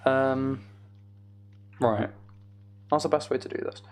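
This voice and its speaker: A man hosts a live gaming stream in a slow, mid-range voice with fairly even intonation, chatting casually with viewers. He mutters his way through his task one step at a time, and keyboard typing and clicking are clearly audible behind him.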